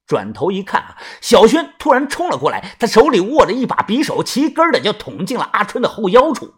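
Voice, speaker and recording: Male audiobook narrator, husky, highly animated pitch. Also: a little fast. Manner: animated first-person tomb-raiding tale telling. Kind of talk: audiobook storytelling.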